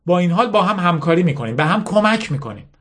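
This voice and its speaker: A man's voice: high-pitched, big pitch swings, slightly rough, pitched above the performer's own voice, full character voice. A man voicing an earnest, idealistic young girl who speaks in a hesitant, pleading way.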